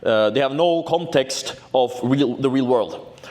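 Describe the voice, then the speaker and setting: A man's voice: mid-range voice, measured pace, a little mellow. A man, telling a story to camera in a brash, boastful, profane way, often tagging "right?" onto his sentences. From Norway. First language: Norwegian. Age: 20s. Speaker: vlogger. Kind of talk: casual storytelling vlog.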